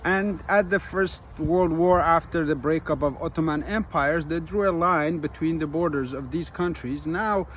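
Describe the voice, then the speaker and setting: An earnest, middle-aged business coach from Iran gives direct-to-camera advice outdoors in an urban area, with street noise behind him. His voice is on the high side, and he speaks plainly, a little haltingly.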